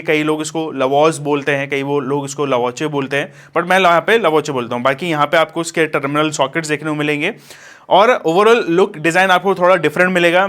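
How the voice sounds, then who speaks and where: A man talks through an unboxing in a loose, chatty way. His voice sits a little higher than most men's. He calls the viewers friends and fills his pauses freely. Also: a bit bright, smooth. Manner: casual, addresses viewers as friends, many fillers. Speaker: DJ equipment vlogger. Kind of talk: product unboxing review.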